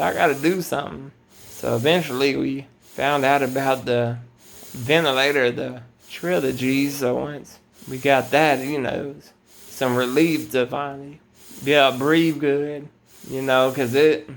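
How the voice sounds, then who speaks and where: A man's voice: medium pitch, gravelly, fairly bright tone. A man talking in a casual, rambling late-night monologue to his viewers, laid-back and often saying "man". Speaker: vlogger. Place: at home at night.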